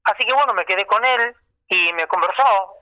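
Argentine male storyteller, higher-pitched bright voice, dry close sound, lively anecdotal delivery. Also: moderate pace, no echo, dull audio. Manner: lively storyteller, acts out remembered dialogue. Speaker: singer recalling his career. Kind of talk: casual anecdote telling.

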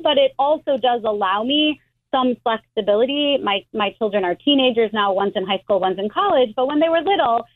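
A middle-aged American woman, a rabbi, explaining things in a measured way with frequent restarts over the phone. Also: on the high side. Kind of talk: phone interview. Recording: tinny phone line.

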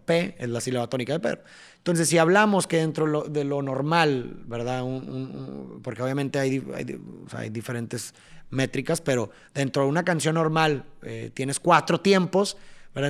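A man with a gravelly, mid-range voice and a Mexican Spanish accent chats casually as a podcast interviewee. He eagerly walks through his songwriting, often beginning again and drumming out rhythms.

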